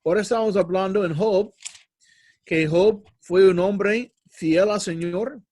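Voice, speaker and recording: A man's voice: high-pitched, slow pace, darkish tone. A middle-aged man preaching an earnest sermon in a church hall, often calling the listeners brothers.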